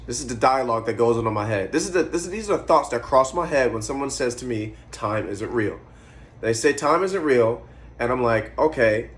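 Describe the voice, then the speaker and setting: A man's voice: medium pitch, a bit bright, a little hiss or hum. A man in his twenties rambling and musing aloud in a casual vlog, swearing freely as he goes. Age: 20s. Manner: eating while talking. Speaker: vlogger. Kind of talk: casual monologue to camera.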